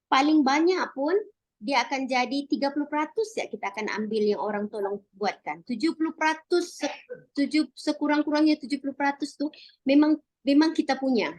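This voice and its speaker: A Malaysian Malay-accented woman chatting casually about speechmaking, animated, with many fillers and restarts. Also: sits high, fairly quick. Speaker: public speaking club guest.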